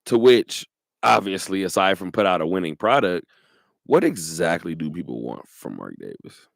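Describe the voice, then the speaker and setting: A sports radio host with a fairly low voice talks in an animated way, laughing often and repeating his points. The sound is dry and close-miked. He keeps a loose, casual flow. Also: moderate pace, creaky, dry recording.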